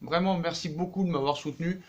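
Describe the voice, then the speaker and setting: A man's voice: on the high side, fast talker, dull audio. A man talking casually about football transfers in a vlog, acting out the people he talks about, with slangy jokes. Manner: animated, acts out the people he talks about, jokey street slang. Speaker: football vlogger.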